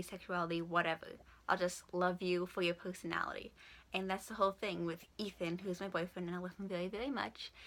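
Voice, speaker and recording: A woman's voice: on the low side, bright, forceful tone. A young woman from Washington State with a speech impediment, saying w for r, chatting frankly and informally in a question-and-answer vlog. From Washington State, USA. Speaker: vlogger.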